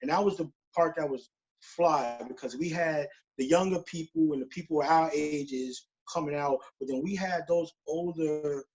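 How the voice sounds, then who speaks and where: A forty-year-old guest drummer chats casually in an interview, using slangy speech and often checking in with "you know what I'm saying." His voice is on the high side and a little mellow, at normal speed, heard through dull lo-fi call audio.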